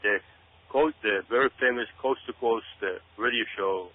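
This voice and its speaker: This man, an Israeli author and researcher appearing as a radio show guest, has a mid-range voice and a moderate pace. His talk-radio commentary is emphatic and explanatory, often repeating phrases for stress. The audio sounds tinny, like a phone line on the radio.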